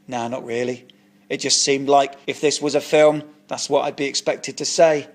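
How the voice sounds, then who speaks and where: A man doing a blunt, deadpan bloke. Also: medium pitch, moderate pace, close to an everyday voice. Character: blunt unemployed young man, eBay tat seller. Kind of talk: comic audio story.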